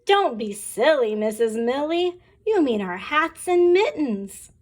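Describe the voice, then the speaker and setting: A woman voicing a class of young children who correct their teacher, in a high, drawn-out chanting voice. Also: big pitch swings, full character voice. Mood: giggly.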